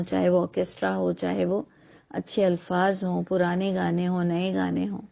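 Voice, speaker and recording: Through dull, lo-fi audio comes a middle-aged woman's reflective monologue about religious questions, earnest, argumentative, and thick with rhetorical questions. She has a mid-range voice with vocal fry and a dark tone.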